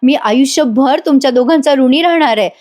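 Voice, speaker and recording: A woman's voice: sits high, brisk, a little mellow, close to an everyday voice. A woman reading the lines of a young man heartfelt in thanking his brother and sister-in-law. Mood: grateful.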